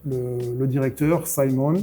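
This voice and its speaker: Middle-aged southwest French man, mellow tone, halting conversational storyteller. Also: mid-range voice, steady tone. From southwest France. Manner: hesitant, many "euh" fillers and restarts. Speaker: brewery founder, interview guest. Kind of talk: casual interview storytelling.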